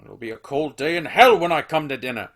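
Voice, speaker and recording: An actor playing Scrooge, a bitter, scornful old miser who dismisses everyone with gruff outbursts. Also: male voice, fairly high pitch, expressive, a little fast, a bit bright. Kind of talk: amateur radio play acting.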